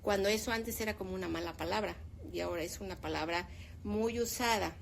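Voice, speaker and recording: Gravelly-voiced woman in her fifties. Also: medium pitch, fairly quick, slight background noise. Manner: opinionated, animated when making a point. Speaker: teacher. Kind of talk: casual discussion.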